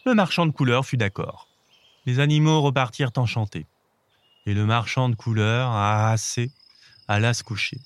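A man reading a children's story aloud with gentle, expressive storytelling. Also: medium pitch, moderate pace, clean tone, no echo.

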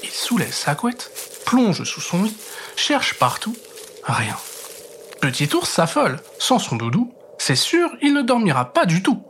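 A man reading a children's bedtime story aloud, expressive and gentle, dropping to soft whispers for suspense. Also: high voice, measured pace, a little hiss or hum.

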